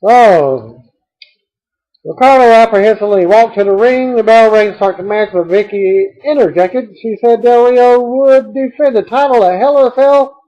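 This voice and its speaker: A man with a high voice reads through a wrestling show recap in a plain way, now and then adding a dry aside. His tone is dark and mellow despite the pitch. The recording sounds dull and lo-fi. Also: normal speed, hardly any pauses. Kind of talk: read-aloud show recap.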